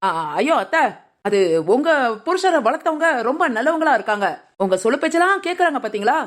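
A woman's voice: high voice, animated, fairly quick. A woman voicing a cheeky, lazy young village daughter-in-law in a cartoon, teasing and talking back. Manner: sly, teasing, talks back. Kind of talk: cartoon voice acting.

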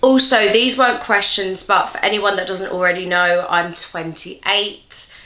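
A woman's voice: mid-range voice, fairly even intonation, measured pace, bright, forceful tone. A woman in her twenties chatting casually to camera in a rambling, self-mocking way while answering viewers' questions. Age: 20s. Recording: roomy echo.

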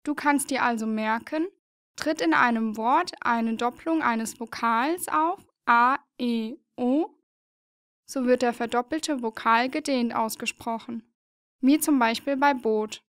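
Clear, slow-spoken woman teaching. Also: a little high, fairly bright tone, dry recording, clean studio sound. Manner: patient and explanatory, spells out letters one by one. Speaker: narrator of a learning video. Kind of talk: scripted educational narration.

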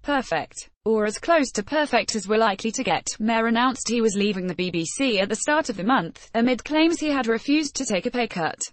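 A woman's voice: fairly high pitch, animated, a little fast, few pauses, dry recording. A woman narrating a scripted news article, reading it aloud.

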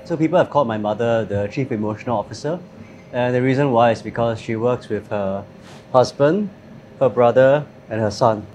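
A man in his thirties speaking in a thoughtful, measured way with fillers, interviewed at a restaurant table. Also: mid-range voice, darkish tone, a little hiss or hum. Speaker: company CEO. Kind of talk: interview conversation.

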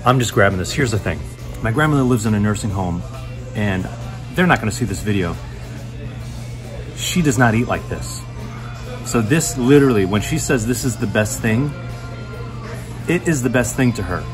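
A man's voice: fairly low pitch, lively intonation, normal speed, long pauses, over music. A man in his thirties hosting a casual food review in a restaurant, chatty and enthusiastic. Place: restaurant booth indoors.

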